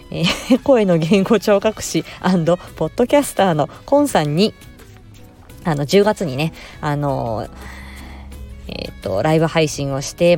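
A woman hosting a casual podcast, politely reading out listener comments in a gentle way, often pausing on filler words and sounding tired after work. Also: low-pitched. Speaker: podcast host.

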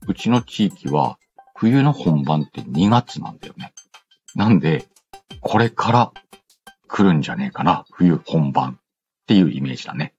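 A man's low, darkish voice has a breathy edge. Hosting a casual radio-style show, he chats and reads listener letters playfully and in slang, with self-interrupting asides, over background music on a dull lo-fi recording.

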